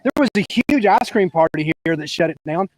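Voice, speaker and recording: Male concerned citizen, deadpan scold, high dry voice. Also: a little fast, no room sound. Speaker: concerned citizen in comic video.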